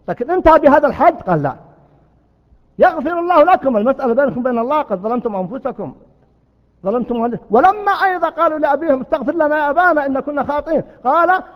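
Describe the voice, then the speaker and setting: A man preaching a sermon to a gathering, telling stories and acting out the quoted exchanges. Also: very high-pitched. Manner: storytelling, acts out quoted exchanges. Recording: long reverb, dull lo-fi sound.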